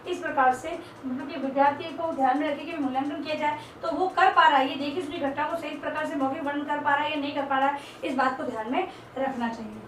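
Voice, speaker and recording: Young woman teacher trainee lecturing, high voice, slow, says terms twice while writing, sounds far off in a roomy echoey class. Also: steady tone, a bit bright. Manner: slow and deliberate, repeats key terms while writing on a board. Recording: echoey room, far from the mic, faint hiss.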